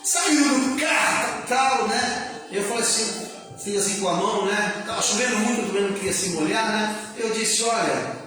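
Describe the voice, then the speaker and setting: A man preaching a sermon, telling a story in a chatty way, then rising into shouted, sung-out preaching. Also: high voice, fairly even intonation, normal speed, heavy reverb, long reverb tail, recorded from a distance, soft background music, poor audio. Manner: conversational, peppers lines with "né?" and laughs. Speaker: pastor. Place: church.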